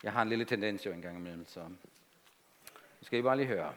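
A man preaching a sermon to a congregation, emphatic and animated, with conversational asides. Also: fairly low pitch.

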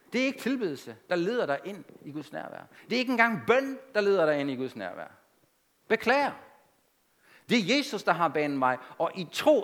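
Animated, lively-voiced male preacher. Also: sits high. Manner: animated, emphatic preaching with asides. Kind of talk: sermon.

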